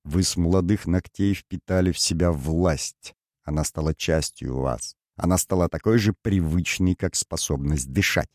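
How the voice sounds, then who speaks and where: A grave mercenary colonel with a deep, low voice, slow and measured and always deferential to his king, as a male reader puts him on. The recording is dry and close. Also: a little mellow, dry recording. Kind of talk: audiobook character voice.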